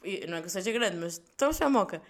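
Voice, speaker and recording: Fast, lively young Portuguese woman. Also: mid-range voice. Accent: European Portuguese. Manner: laughing often, swearing, slangy. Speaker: podcast host. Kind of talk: casual storytelling.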